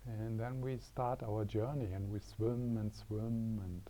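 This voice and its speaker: A man teaching meditation, telling a parable gently with many repetitions. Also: lowish voice, steady tone, measured pace, a little hiss or hum, low-quality recording. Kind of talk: spiritual teaching talk. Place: workshop room.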